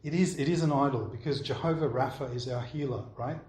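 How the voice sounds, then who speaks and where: A man's voice: medium pitch, a little fast, a little mellow. A man preaching a sermon, answering questions from the congregation in a conversational way and often checking in with his listeners. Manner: conversational, keeps checking in with "all right?". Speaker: pastor. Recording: roomy echo.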